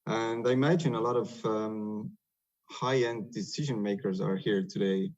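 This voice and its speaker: A man with an Estonian accent gives a webinar talk in English, his second language, over a video call. His voice sits low and comes through dull and lo-fi. He pauses often on fillers as he explains. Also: steady tone, a little mellow. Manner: hesitant, many "uh" fillers and restarts. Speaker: software developer presenting on a webinar. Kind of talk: webinar presentation.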